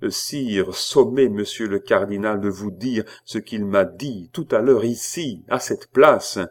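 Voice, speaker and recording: A man's voice: on the low side, takes it slowly. A man reading an audiobook and voicing an indignant, scornful queen who bursts into vehement accusations. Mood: accusing. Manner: vehement, scornful, rising to outbursts. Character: proud, indignant queen, woman.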